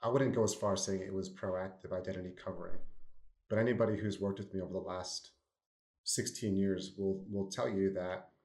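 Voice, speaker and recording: Podcast guest, New Jersey man, thoughtful and easygoing, deep voice. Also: steady tone, brisk, darkish tone. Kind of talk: casual discussion. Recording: roomy echo.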